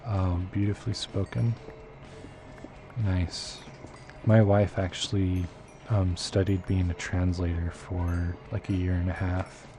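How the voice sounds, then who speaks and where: A man's voice: low-pitched, flat delivery, slow, noisy background. A man live-streaming a game, chatting casually with viewers and rambling as he thinks aloud, with lots of fillers. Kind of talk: casual chat with viewers while playing.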